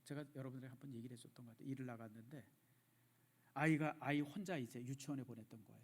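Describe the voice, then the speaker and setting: A middle-aged male pastor preaching in a church, emotive, dropping from loud emphasis to hushed, near-whispered repeats. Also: mid-range voice, rapid-fire, slightly rough. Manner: addresses the congregation directly, repeats phrases for emphasis. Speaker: senior pastor. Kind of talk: sermon. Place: church sanctuary.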